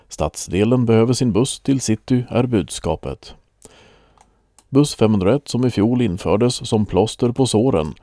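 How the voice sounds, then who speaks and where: Low, mellow man reading news. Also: no room sound, clean studio sound. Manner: even, measured news delivery. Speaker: news reader. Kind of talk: read news report.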